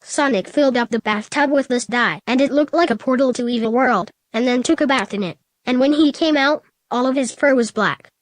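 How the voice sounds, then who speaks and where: Woman reading fan fiction aloud, fairly high voice, steady plain delivery, dry close sound. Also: a little fast, hardly any pauses, no echo.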